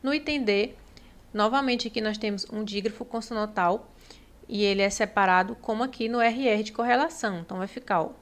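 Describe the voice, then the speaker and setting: A woman with a Brazilian Portuguese accent giving a patient exam-prep lesson, stretching out syllables and checking in often with the class. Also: mid-range voice. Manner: patient, drawn-out syllables, frequent "né?" and "ó". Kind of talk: explanatory lesson.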